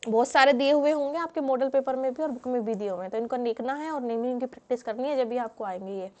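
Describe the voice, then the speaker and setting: High pitched lady teacher going thru chemistry naming, lots of um and "what do we call this". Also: fast, darkish tone, muffled recording. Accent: Hindi-English mix. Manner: explains step by step with many fillers and rhetorical questions. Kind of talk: classroom lecture.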